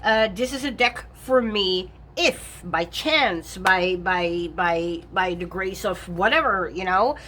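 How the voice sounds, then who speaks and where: A woman's voice: on the low side, slow, few pauses, bright, forceful tone. A woman vlogging casually about her tarot decks, chatty, often correcting herself and laughing between thoughts. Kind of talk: rambling casual chat.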